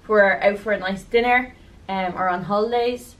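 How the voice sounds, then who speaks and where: A woman's voice: medium pitch, fairly even intonation, normal speed, a bit bright. A young woman, co-owner of a beauty business, chatting casually through a Q&A and leaning on "you know" and "like". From rural Ireland. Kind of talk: casual Q&A chat. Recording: slightly distant mic with faint noise.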